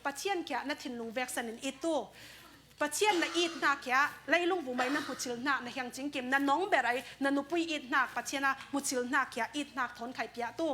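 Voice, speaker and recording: Bright high-voiced woman preaching. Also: fast talker, a little hiss or hum. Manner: conversational preaching, mixes in English words. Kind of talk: sermon.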